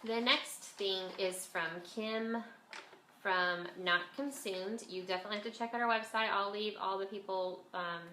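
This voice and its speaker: Woman, casual homeschool vlog, congested nose-pinched voice from a cold, bright tone, faint noise behind her. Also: medium pitch. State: has a bit of a cold. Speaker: homeschool vlogger and mother. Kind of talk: casual chat to camera. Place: at home, indoors. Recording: echoey room, faint background noise.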